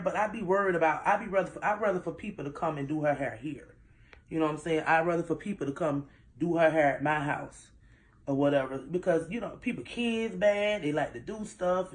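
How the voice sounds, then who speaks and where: A middle-aged woman, a single mother, chatting and rambling to her viewers. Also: on the low side. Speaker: single mom vlogging. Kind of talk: casual chat to viewers.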